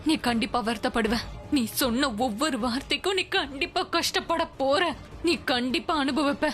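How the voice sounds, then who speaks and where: A woman's voice: high voice, normal speed, fairly bright tone. A woman voicing a spurned woman who bitterly threatens the man who rejected her, in a dubbed TV serial. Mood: vengeful. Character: spurned woman vowing revenge on the man she loves. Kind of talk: Tamil-dubbed TV serial acting. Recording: TV drama dub with faint music behind.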